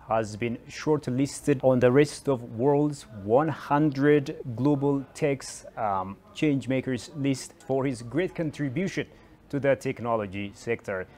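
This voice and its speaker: A man's voice: mid-range voice, a little mellow. A man hosting a televised interview show, asking long questions with many fillers and restarts. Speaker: TV talk show host. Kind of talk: broadcast interview.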